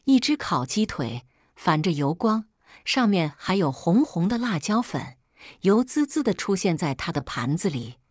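A woman narrating a scripted story with a lively storytelling cadence. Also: lowish voice, measured pace, dry recording, studio quality.

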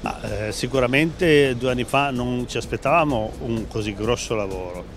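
This medium-pitched middle-aged man speaks at a normal speed, with many fillers and restarts. He's a company president giving a trade fair interview at a busy exhibition hall stand, captured on a handheld interviewer mic while background music sits under his voice.

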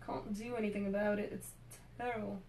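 A woman's voice: medium pitch, little pitch movement, fairly quick, darkish tone, a little hiss or hum. Chatty young woman doing makeup live. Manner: chatty, playful, greets viewers by name. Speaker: makeup artist hosting a live stream. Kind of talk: casual live-stream chat while doing makeup.

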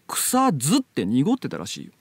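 A man hosting a casual web radio chat, explaining things in an animated, storytelling way into a studio mic. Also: medium pitch, quick pace, vocal fry, breathy edge, no room sound. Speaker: radio show host.

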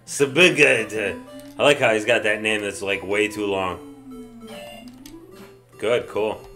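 A man casually commenting while playing an old baseball video game, excitable, shouting at the players and grumbling when things go wrong. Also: on the low side, takes it slowly, soft background music. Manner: excitable, swears mildly, yells at the game. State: says he is drunk. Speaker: let's play gamer.

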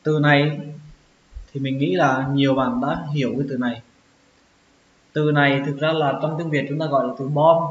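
A man giving a pronunciation lesson, sounding out each word slowly and repeating it several times. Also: a little high. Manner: slow, drawn-out repetition of words. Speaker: English teacher. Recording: echoey, dull lo-fi with faint hiss.

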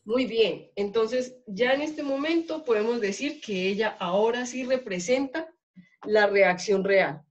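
A woman's voice: a little high, measured pace, hardly any pauses, a little mellow. Colombian female chemistry teacher, classroom lecture, frequent check-in questions, muffled lo-fi sound. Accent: Colombian Spanish. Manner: checks in often with questions to students.

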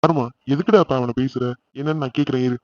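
A man voicing a calm, reassuring middle-aged father in a family cartoon. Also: mid-range voice, quick pace, no room sound, dull audio, lightly acted. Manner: gentle, reassuring. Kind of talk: cartoon voice acting.

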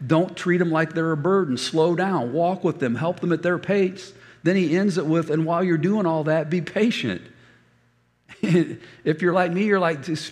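A long reverb tail trails the preacher's voice, which sits on the high side, as he delivers a sermon in a church hall. He's a storyteller who slips into the voices of the people in his stories.

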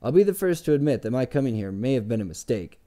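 A man's voice: mid-range voice, very animated, quick pace, mellow, lightly acted. A man reading aloud and voicing an earnest, persistent young scholar.

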